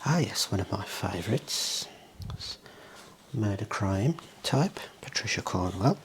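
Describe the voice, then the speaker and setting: A person in an ASMR role-play as a calm librarian, murmuring to themselves in a breathy soft voice while reading things out. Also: low-pitched, slow, a little hiss or hum. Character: calm librarian sorting book orders. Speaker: ASMR performer playing a librarian.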